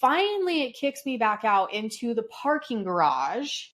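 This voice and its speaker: A middle-aged woman telling a story in casual chat, animated and swearing freely as she acts out what people said. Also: fairly high pitch, measured pace. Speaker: podcast co-host.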